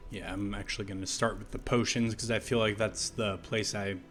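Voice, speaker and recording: A man's voice: fairly low pitch, little pitch movement, brisk, a bit bright, soft background music. A man hosting a let's play with casual, rambling, self-deprecating commentary. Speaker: gaming let's play host. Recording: faint game ambience behind voice.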